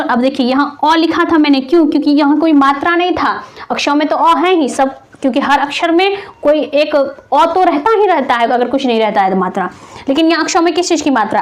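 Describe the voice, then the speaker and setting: A woman teacher explaining grammar patiently and step by step, asking rhetorical questions and repeating sounds slowly. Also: sits high. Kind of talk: classroom grammar lesson.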